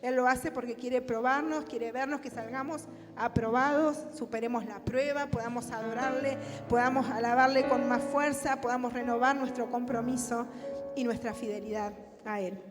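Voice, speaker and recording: A woman's voice: on the high side, fairly even intonation, moderate pace. A woman preacher with a Rioplatense Spanish accent gives a sermon and closing prayer, often asking the congregation rhetorical questions. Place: church hall. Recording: reverberant church hall with music.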